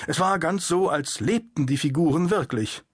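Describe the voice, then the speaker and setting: Männlicher Hörbuchsprecher, trocken und nah. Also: male voice, a little high, breathy edge, no room sound, studio quality. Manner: even, measured storytelling. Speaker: audiobook narrator. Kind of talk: scripted audiobook narration.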